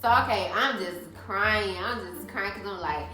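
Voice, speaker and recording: A young woman tells a story to her viewers in an easy, chatty way. Her voice is medium in pitch and bounces off the walls of an echoey room, with faint music underneath. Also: a little slow. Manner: animated, chatty, addresses viewers as y'all. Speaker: vlogger. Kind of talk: casual storytelling to camera.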